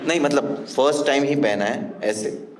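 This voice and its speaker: A male stand-up comedian telling a story on stage, animated, swinging from loud punchlines to quiet, somber stretches. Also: medium pitch, normal speed, very noisy. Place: comedy stage before a laughing audience. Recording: echoey live venue with faint ambience.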